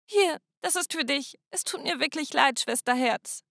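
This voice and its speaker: A spoiled, bossy teenage girl in an animated storytime video, put on by a woman narrator. Her voice sits high and bright, with clipped, clear, dry delivery. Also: moderate pace, dry recording. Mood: pleading. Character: spoiled teenage girl, scheming twin sister.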